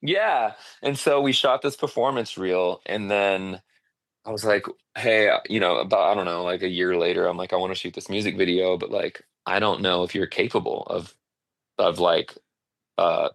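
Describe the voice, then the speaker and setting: A man with a very low voice chats as an interview guest on a podcast. He tells animated, filler-heavy stories. The sound is dry and close, with little room echo. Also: moderate pace, creaky. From Arizona. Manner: animated storyteller, many fillers, laughs often. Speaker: singer-songwriter guest. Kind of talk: casual interview chat.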